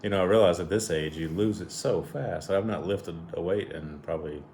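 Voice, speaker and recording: A man co-hosting a vlog with his wife, trading jokes and quick banter. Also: deep voice, a little mellow, a little hiss or hum. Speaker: co-host. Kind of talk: casual chat.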